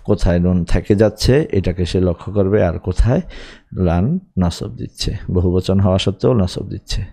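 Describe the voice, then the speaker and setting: A man with a Bangladeshi Bengali accent teaching an Arabic grammar lesson, reciting verb forms slowly, then explaining them briskly. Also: low-pitched, gravelly, mellow.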